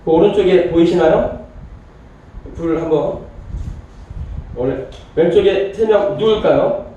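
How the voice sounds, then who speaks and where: High-voiced preacher in an echoey church. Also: male voice, a little slow, warm tone, dull audio, slight background noise. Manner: storytelling preacher who voices the people in the story. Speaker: pastor. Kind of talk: sermon. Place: church sanctuary. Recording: very echoey church hall from a distance.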